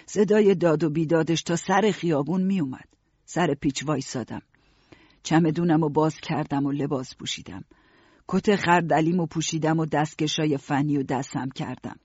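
A man narrating an audiobook in a steady first-person storytelling voice. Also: fairly high pitch, husky, no room sound, highs cut off.

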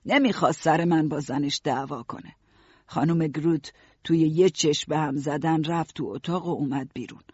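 A husky, slightly high man's voice reads a story aloud in the first person, steady and even. The recording is dry and dull, like a lo-fi studio. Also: no room sound. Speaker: narrator. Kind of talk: audiobook narration.

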